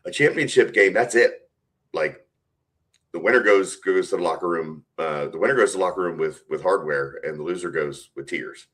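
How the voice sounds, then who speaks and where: A man's voice: low voice, normal speed, a bit bright. A man who works as a stadium announcer, answering interview questions in a chatty way and laughing often. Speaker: stadium public address announcer, guest.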